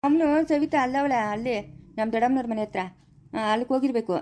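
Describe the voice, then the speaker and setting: A woman playing a young husband who defends himself with rapid pleading explanations. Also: high-pitched, darkish tone, a little hiss or hum, close to an everyday voice. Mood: defensive, reassuring. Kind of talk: amateur family drama acting.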